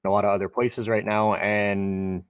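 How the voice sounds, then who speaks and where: Low-voiced man hosting a game stream. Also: level tone, clear, resonant tone, no echo, highs cut off. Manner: halting, filler-heavy, friendly. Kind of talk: casual gameplay chat.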